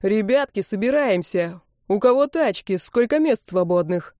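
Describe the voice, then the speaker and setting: A woman's voice: medium pitch, moderate pace, dry recording, clean studio sound, lightly acted. A woman voicing an exuberant, bossy young man who loves parties, in an audiobook. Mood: excited. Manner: bossy, excited.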